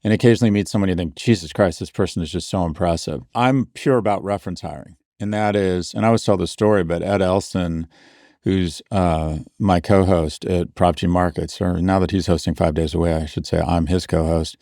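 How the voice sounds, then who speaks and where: A deep-voiced middle-aged man talks bluntly and wryly into a close mic, poking fun at himself as he answers a listener question. The recording is dry, with no room sound. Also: steady tone, fairly quick, mellow, no echo. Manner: blunt, wry and self-mocking. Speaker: podcast host. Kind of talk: casual podcast advice and ad read.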